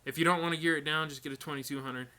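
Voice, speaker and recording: A man's voice: a little high, racing. A man hosting a live stream, casually answering viewer questions with lots of ums and restarts. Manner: relaxed, rambling, many ums and restarts.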